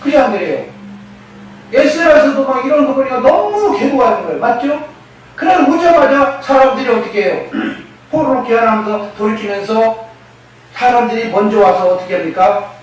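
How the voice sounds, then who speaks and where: A pastor preaching with an unusually high male voice and a constant stream of rhetorical questions to his congregation. He breaks into quoted speech to act out the people in his story. The sound is heavily echoey and distant, as if caught from across a church sanctuary, with faint noise underneath. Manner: acts out quoted speakers in a raised voice. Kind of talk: sermon.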